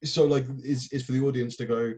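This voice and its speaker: A young man hosts a podcast, chatting casually about poetry, rambling enthusiastically and swearing as he goes. His voice is medium-pitched and mellow, with a steady tone and a slightly quick pace.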